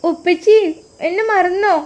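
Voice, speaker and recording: A woman's voice: very high-pitched, steady tone, a little slow, a little mellow, pitched above the performer's own voice. A woman voicing a small girl who pleads tearfully to see her father. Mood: pleading.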